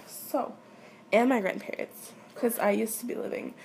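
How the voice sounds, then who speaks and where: With a fairly high yet darkish voice, steady in tone and moderate in pace, a late-teen Quebec woman answers listener questions as an audio creator. She is a native French speaker who chats candidly, hesitantly and gigglingly, rambling as she goes. The recording is low quality, with a little hiss or hum.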